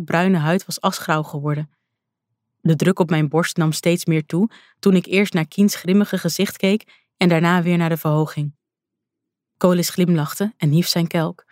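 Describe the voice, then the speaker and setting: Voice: mid-range voice, a little mellow, no room sound. An audiobook narrator telling a first-person fantasy story in a tense, dramatic way. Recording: dry, close studio sound.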